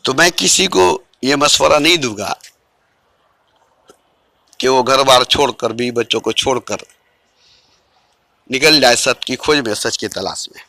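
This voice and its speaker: A man giving an informal spiritual talk at home in a measured way, repeating key phrases for emphasis. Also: medium pitch, bright, forceful tone, dry recording. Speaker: spiritual teacher.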